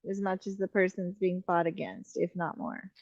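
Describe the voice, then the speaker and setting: A woman's voice: on the low side, fairly even intonation, normal speed, vocal fry, dry recording. Candid woman on a dull, dry call line. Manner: candid, hesitant restarts, emphatic. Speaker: friend guest. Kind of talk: casual chat.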